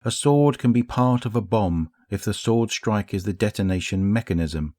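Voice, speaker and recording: A guarded, troubled queen who speaks in careful abstractions, from a storybook reading, voiced by a male narrator. The voice stays low and even. The recording is dry and close. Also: normal speed, dry recording, close to an everyday voice.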